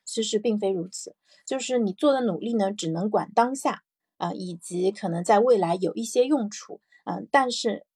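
A woman's voice: medium pitch, moderate pace, a little mellow, breathy edge, no room sound, studio quality. A woman hosting a personal morning audio show, talking casually and reflectively, thinking aloud with repeated phrases and little check-in questions. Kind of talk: casual reflective solo podcast talk.

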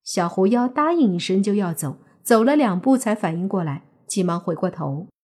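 A woman narrating a serialized suspense novel as an audiobook, steady storytelling. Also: medium pitch, moderate pace.

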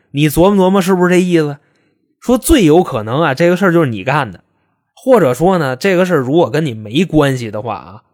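A man's voice: on the high side, no echo, clean studio sound, close to an everyday voice. A man voicing a blunt, impatient police detective who grills a suspect with sarcastic questions. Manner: scolding, sarcastic, pressing questions.

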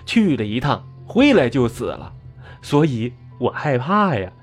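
Narrator doing a scared peasant guy, whiny, kinda husky, pitch all over. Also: sing-song, a little slow, soft background music. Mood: frightened. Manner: stammering, whining. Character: timid male peasant, stammering and scared.

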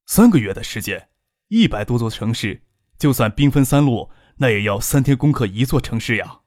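A man's voice: mid-range voice, expressive, moderate pace, darkish tone, no room sound, studio quality, natural voice. A man voicing an affable, probing middle-aged businessman in an audiobook, asking friendly questions.

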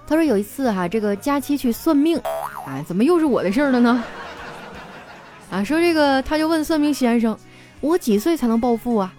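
A woman's voice: sits high, animated, a little fast, a little mellow, soft background music. A young woman hosts a casual show, reading listener jokes aloud and laughing through her lines. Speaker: radio-style host reading listener jokes.

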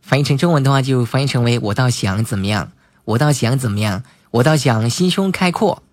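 A man's voice: medium pitch, lively intonation, dry recording. Male English teacher, patient spelling-out manner, dry close sound. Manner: spells words letter by letter and repeats phrases slowly. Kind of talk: slow vocabulary lesson.

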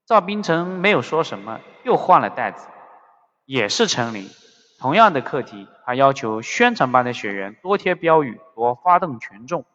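Male audiobook narrator, even scripted delivery, muffled reverby audio. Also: medium pitch. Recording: dull audio with long reverb.

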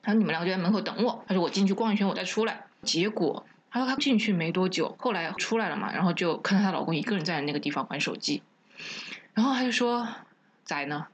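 A woman's voice: lowish voice, racing, few pauses, breathy edge. A woman, co-hosting a podcast, telling stories in casual chat with laughs. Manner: chatty storytelling with laughs. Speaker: podcast co-host.

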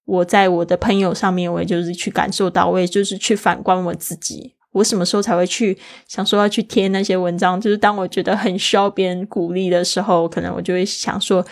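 A woman's voice: on the low side, little pitch movement, a little fast, hardly any pauses. A woman teaching English in a casual lesson, explaining patiently and spelling out words letter by letter.

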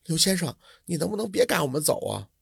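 A male storyteller voicing an anxious young female servant who speaks softly and pleadingly. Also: on the high side, big pitch swings, fast talker, vocal fry, breathy edge, no room sound, studio quality, full character voice. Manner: soft, hushed, pleading.

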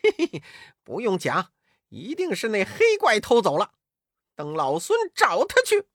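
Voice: mid-range voice, wildly swooping pitch, measured pace, fairly bright tone, no echo, studio quality, voice pushed up, full character voice. A storyteller voicing the Monkey King, a cocky, mischievous male hero who talks gleefully and boastfully.

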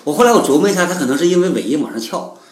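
一位男性播客主持人在轻松闲聊，爱开玩笑，不时应和对方。. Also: male voice, fairly high pitch, big pitch swings, racing, echoey room, noisy background. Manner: chatty, jokey, frequent short backchannels. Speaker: podcast host. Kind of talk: casual conversation.

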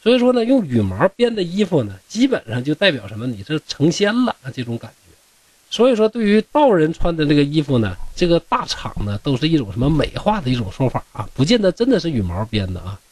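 A man's voice: fairly high pitch, big pitch swings, fast talker, a little mellow, husky, no room sound, recorded from a distance. A man from Shenyang with a Northeastern Mandarin accent, telling classic tales as a host in a chatty way with joking asides to listeners. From Shenyang, Liaoning. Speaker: storyteller host. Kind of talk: colloquial classic-tale storytelling.

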